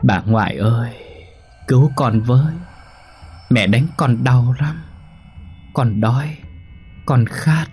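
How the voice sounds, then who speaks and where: A man voicing a small ghost child who begs its grandmother for help in a high, tearful voice. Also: slow, long pauses, a little mellow, husky, full character voice. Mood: pleading, tearful. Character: ghostly little child, pleading and wounded.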